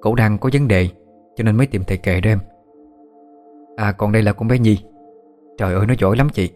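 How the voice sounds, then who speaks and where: A bustling, talkative middle-aged woman who rattles on quickly, as a male storyteller puts her on. She sounds eager and chatty, with faint music behind her. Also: fairly low pitch, a little mellow, natural voice.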